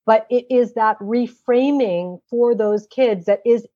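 An American woman, a former government policy expert, gives explanatory and emphatic interview answers, telling anecdotes and posing rhetorical questions. Her voice is on the high side and slow-paced, in a muffled recording with no echo.

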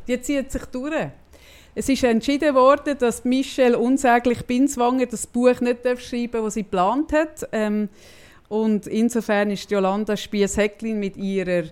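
Animated Swiss German woman storyteller. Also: on the high side, normal speed, smooth. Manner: animated storytelling, acting out both sides of a phone call. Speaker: podcast co-host. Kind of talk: casual chat.

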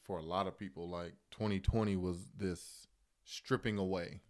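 A man's voice: low voice, fairly even intonation, normal speed. A man hosting a casual podcast conversation, informal and often affirming the other speaker. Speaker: podcast interviewer.

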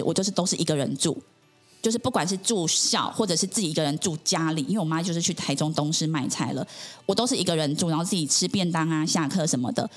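Fast-talking woman. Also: lowish voice. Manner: earnest, rapid, with frequent affirming interjections. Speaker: podcast guest. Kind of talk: personal storytelling in conversation.

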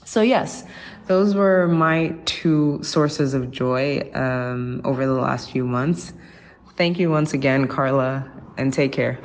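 A woman's voice: rumbling low, slow, a little hiss or hum. A woman reflecting gratefully in a recorded listener message. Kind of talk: recorded monologue.

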